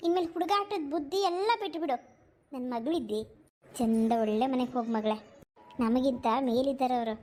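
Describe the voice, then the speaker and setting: A woman's voice: sits high, normal speed, a little mellow, pitched below the performer's own voice. A woman voicing an anxious village mother who coaxes her daughter in a cartoon. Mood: coaxing. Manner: coaxing, scolding. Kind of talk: cartoon voice acting.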